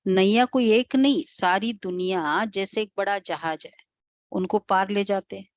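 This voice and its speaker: A woman's voice: mid-range voice, measured pace, no room sound. Indian woman, spiritual teacher, explanatory lecture voice with questions and hums, dry dull recording. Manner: explanatory, asks the class questions with soft hums. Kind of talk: devotional class lecture.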